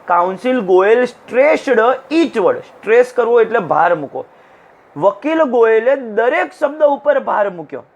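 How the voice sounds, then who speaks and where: A man's voice: very high voice, very animated, measured pace. A man teaching a class, explaining an English lesson line by line, translating each phrase and briefly acting out the lines. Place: recorded for an online class.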